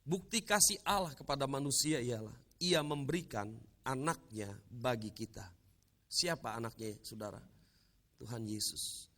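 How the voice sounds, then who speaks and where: A man's voice: medium pitch, moderate pace, bright, forceful tone. A male preacher telling a conversion story in a sermon, with dramatic storytelling that climbs to emotional peaks. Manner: dramatic storytelling, rising to emotional peaks, addresses congregation as "saudara". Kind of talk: Christmas sermon.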